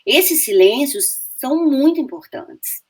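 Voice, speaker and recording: A woman's voice: high voice, measured pace, slightly rough. A Brazilian woman, an actress, telling stories in a casual interview, full of restarts and acting out the lines she quotes. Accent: Brazilian Portuguese. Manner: animated, acts out quoted lines, many restarts. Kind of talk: casual conversational storytelling.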